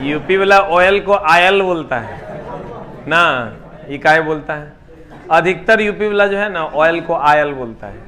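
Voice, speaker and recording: Bright-voiced science teacher. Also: male voice, on the high side. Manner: chatty, teasing, rhetorical questions to students. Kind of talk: live online classroom lecture.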